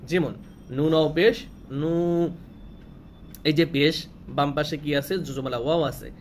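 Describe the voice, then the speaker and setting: A man teaching Quran reading, asking questions and answering them himself, repeating each rule slowly so it can be memorized. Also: fairly high pitch, slight background noise. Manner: draws out sounds when showing long vowels. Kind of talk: slow classroom-style recitation lesson.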